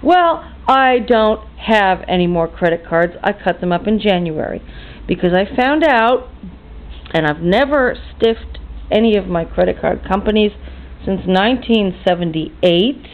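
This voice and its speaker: A woman's voice: mid-range voice, lively intonation, measured pace. Tired, indignant American woman, fifties, chatty vlog rant, lo-fi phone-quality sound. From United States. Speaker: vlogger. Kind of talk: casual monologue rant. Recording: tinny phone-like audio.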